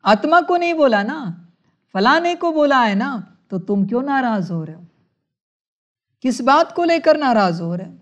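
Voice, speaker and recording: A woman delivers a spiritual sermon at an unhurried pace, her voice sitting a little high. She addresses her listeners as children and poses rhetorical questions in a measured, patient way. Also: very animated, highs cut off. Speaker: spiritual teacher.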